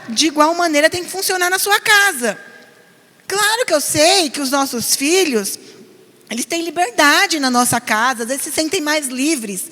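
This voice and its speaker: A middle-aged woman pastor with a São Paulo Brazilian accent, teaching a parenting class in an earnest, animated way. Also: high-pitched. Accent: Brazilian Portuguese, São Paulo. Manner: earnest, animated, mimics nagging voices. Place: church hall. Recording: long reverb of a church hall.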